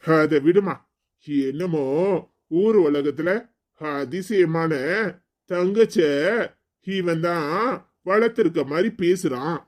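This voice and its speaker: A man's voice: a little high, slow pace, pauses often, darkish tone. A man voicing a proud, hot-tempered young husband in a cartoon story, scolding and threatening. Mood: angry. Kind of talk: cartoon voice acting.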